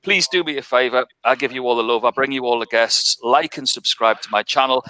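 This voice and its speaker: A man hosts a casual online interview show. He talks in an upbeat, chatty way and rattles through his sign-off. His tone is sharp and bright, at a medium pitch. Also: a little fast, rough recording. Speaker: host.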